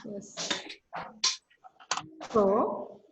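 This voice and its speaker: A woman teacher with an Indian English accent, explaining a math lesson over a video call, slow and repetitive. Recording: roomy, distant, dull call audio with faint noise.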